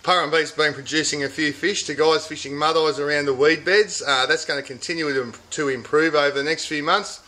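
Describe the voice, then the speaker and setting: A middle-aged Australian man with a bright, forward voice gives a casual weekly fishing report. He talks in an easy, upbeat salesman's patter, close to the camera inside a big tackle shop. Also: fairly high pitch, fairly even intonation, a little fast, few pauses. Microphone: camera at close range.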